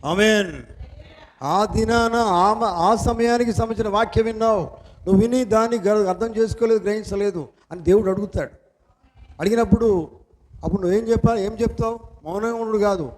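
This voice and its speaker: High-voiced preacher. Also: male voice, fairly quick. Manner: call-and-response preaching, frequent hallelujahs and amens. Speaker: pastor. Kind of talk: sermon.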